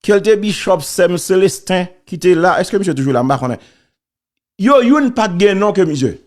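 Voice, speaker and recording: A man's voice: sits high, lively intonation, normal speed. A man with a Haitian accent giving casual spoken commentary on church and politics, preachy and emphatic, repeating key phrases.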